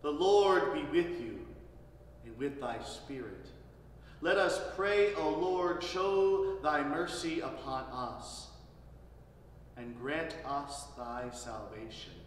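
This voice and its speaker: Male pastor, slightly high voice, very slow and solemn, in a cathedral echo with a faint hum of room noise. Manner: measured, solemn, phrases fading softly at ends. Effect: cathedral-like echo, long church reverb. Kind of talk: Ash Wednesday sermon and liturgy. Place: large church. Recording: distant mic in echoey church hall.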